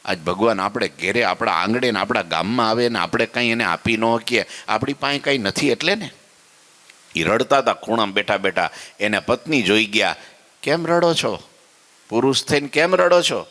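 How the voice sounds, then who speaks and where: A man telling a sermon story, animated, with exclamations and hushed asides. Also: fairly low pitch, normal speed, big-room sound. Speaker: preacher giving a religious discourse.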